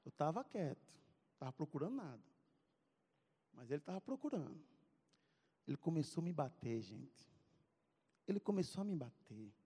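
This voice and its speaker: In a church sanctuary with the long reverb of a church hall, a man preaches to a youth service, telling a comic story. His slightly rough, a little high voice moves at a moderate pace with frequent pauses, and he's animated, acting out scenes and calling out to the audience.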